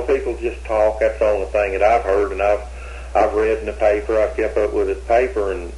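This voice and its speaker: A man's voice: fairly low pitch, mellow, a little hiss or hum, rough recording. An older man being questioned, talking in a hesitant, rambling way with many restarts, heard on an old interrogation tape recording.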